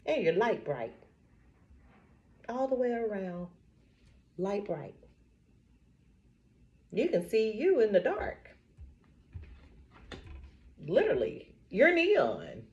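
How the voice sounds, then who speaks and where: A woman's voice: medium pitch, takes it slowly, long pauses, muffled recording. A woman talking casually to her camera as a vlogger, telling stories with lots of laughter and repeating affirmations like a preacher. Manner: animated storytelling, frequent laughter.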